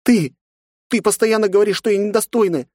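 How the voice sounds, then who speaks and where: A hurt teenage girl with a high, tearful, pleading voice, as a male audiobook narrator puts her on. She is read from a storybook in a dry, close recording with no room sound. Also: brisk, a little mellow, dry recording. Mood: upset.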